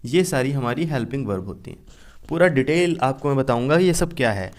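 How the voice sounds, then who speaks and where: Young male teacher, lively classroom explainer, acts out his examples. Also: medium pitch, fairly quick. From India. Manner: explains by repeating and asking questions back. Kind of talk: classroom grammar lesson.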